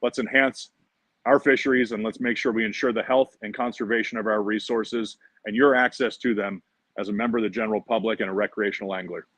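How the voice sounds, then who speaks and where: Outdoors at a marina, the director of a fishing conservation group gives an upbeat promotional monthly video update, often filling gaps with "uh." His fairly low, fairly bright voice is steady and brisk, and there's no room sound.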